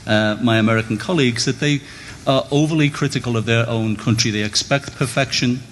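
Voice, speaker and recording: A man delivers a formal debate speech in an even middle register, measured and rhetorical, piling up parallel phrases to press his argument. His voice rings out with a long reverb in a lecture hall, with faint noise underneath. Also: mid-range voice. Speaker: debate speaker.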